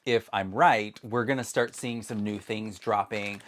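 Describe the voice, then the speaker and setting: A man chatting casually to his viewers in a vlog, excitable and full of asides, recorded on a phone at home. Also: lowish voice, unhurried. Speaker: doll collector vlogger. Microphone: phone camera.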